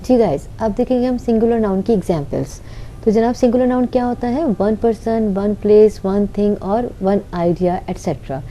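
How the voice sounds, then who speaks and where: A woman's voice: medium pitch, normal speed, warm tone, a little hiss or hum. A woman teaching an online grammar lesson, patiently explaining and answering her own questions.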